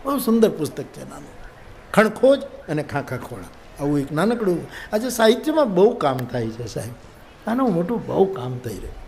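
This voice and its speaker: A man telling a religious story to a live audience, animated and jokey, acting out the dialogue. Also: on the high side, a little fast, creaky, slight background noise. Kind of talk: humorous live katha storytelling.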